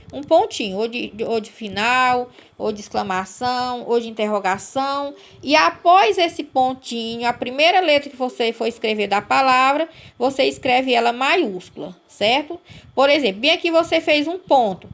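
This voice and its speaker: A woman's voice: sits high, fairly bright tone. A woman teacher giving a recorded lesson to young pupils, explaining step by step and checking in with "right?" as she goes. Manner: patient, explains step by step, asks "certo?" and "né?" to check.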